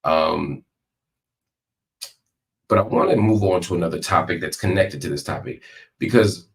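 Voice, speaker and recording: A man's voice: low voice, moderate pace, gravelly. A man hosting live political commentary from a hospital room, talking straight to his viewers in an emphatic, conversational way with repetition for effect.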